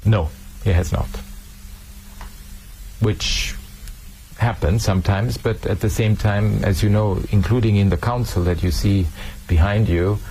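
A man's voice: on the low side, steady tone, measured pace, pauses often, mellow, a little hiss or hum, poor audio. A man answering interview questions as a human rights official, earnest, often restarting and repeating words.

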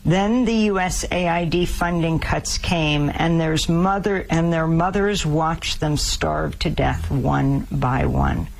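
Gravelly-voiced interviewer asking pointed questions. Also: mid-range voice, expressive, poor audio. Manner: pointed, deliberate questioning with long read-out quotes.

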